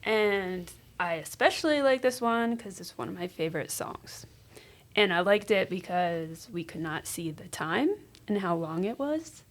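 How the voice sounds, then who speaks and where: A woman's voice: on the low side, lively intonation, measured pace. A woman on a casual gym podcast, making brief playful remarks and listing workouts.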